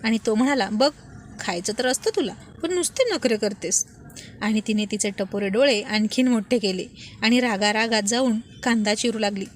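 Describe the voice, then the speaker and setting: Woman narrator, fairly high voice, expressive story reading, faint noise behind. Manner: expressive, voices dialogue with lively emphasis.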